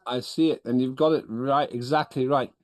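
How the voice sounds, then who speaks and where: Speaking at a medium pitch and normal speed, a man whose first language is Estonian chairs an online parliamentary meeting over a video call. His tone is steady and businesslike, and he often corrects himself with dry humor. There is no echo.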